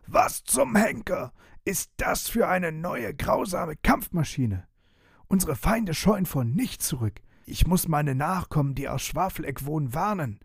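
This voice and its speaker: A man putting on a bewildered old vampire knight for a storybook, speaking in stiff, courtly phrases and often stammering. The voice is mellow and husky, and it sits close and dry. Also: lowish voice, moderate pace, no room sound. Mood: alarmed. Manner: stammering, archaic formal speech. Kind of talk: storybook reading.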